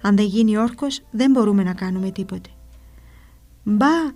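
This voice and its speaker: A woman narrating a religious book in a calm, measured, reverent reading. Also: medium pitch. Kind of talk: devotional reading over soft guitar. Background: soft guitar music.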